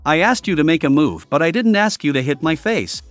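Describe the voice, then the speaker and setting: A man voicing an arrogant, scheming young male disciple who taunts and complains loudly. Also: fairly high pitch, expressive, brisk, dry recording, faint music behind, lightly acted. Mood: taunting indignant. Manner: taunting, then whiny and outraged.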